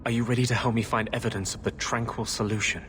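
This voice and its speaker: A man's voice: medium pitch, steady tone, quick pace, fairly bright tone, slight background noise, natural voice. A man playing a troubled, idealistic rebel mage in a video game, speaking in an earnest and urgent way.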